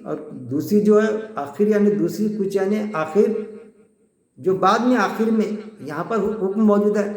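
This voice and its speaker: A man's voice: sits high, darkish tone. Man teaching in an echoey room. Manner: conversational, repeats points, uses everyday examples. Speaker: Quran teacher. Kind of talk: informal religious lesson.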